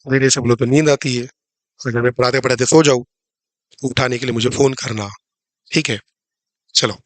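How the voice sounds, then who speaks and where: A man's voice: mid-range voice, no room sound. A man teaching a live online maths class, explaining step by step, repeating key points and joking with the students. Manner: chatty, jokes with students about the live class.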